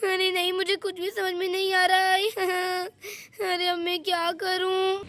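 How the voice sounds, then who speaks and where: A woman's voice: very high-pitched, fairly even intonation, normal speed, pushed and bright, no echo, heavily acted. A woman voicing a frantic young village mother in a doll story, wailing and panicky as she searches for her son. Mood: tearful.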